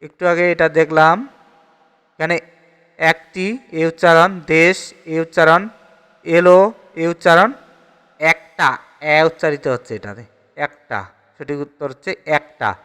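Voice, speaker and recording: A man's voice: fairly high pitch, moderate pace, long pauses, sharp tone, clean tone, big-room sound. A man with a Bangladeshi Bengali accent teaching an exam-prep grammar lesson, steadily reading each question and repeating the answer.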